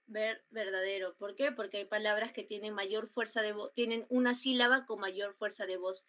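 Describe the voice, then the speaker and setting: A young woman with a Peruvian Spanish accent giving an online grammar class, explaining slowly with many fillers and repetitions over a computer mic. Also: mid-range voice, fairly even intonation, fairly bright tone. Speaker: student tutor teaching grammar. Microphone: computer mic on a video call.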